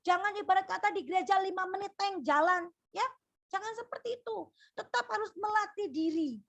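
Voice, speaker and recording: High-voiced woman giving a firm lecture. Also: brisk, fairly bright tone. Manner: firm, admonishing, repeats "ya" often. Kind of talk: sermon-style lecture.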